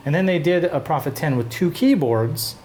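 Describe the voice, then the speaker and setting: A man hosting a casual chat about synthesizers, relaxed and rambling with fillers and restarts. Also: on the high side, moderate pace, a little hiss or hum. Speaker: host of a synthesizer show.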